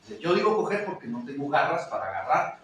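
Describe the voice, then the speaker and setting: A man, a teacher, chatting casually and telling classroom stories in an animated way that acts out other voices. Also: a little high, quick pace, distant mic. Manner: animated, acts out quoted voices and laughs often. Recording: roomy echo, away from the mic, faint noise.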